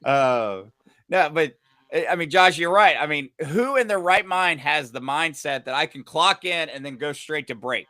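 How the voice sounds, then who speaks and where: A man co-hosting a casual talk radio stream with a bright, sharp, fairly high voice. He swears a lot and acts out mocking impressions of people. The sound is close and dry. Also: moderate pace, dry recording. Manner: profane, animated, mocking impressions. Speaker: podcast co-host, former teacher.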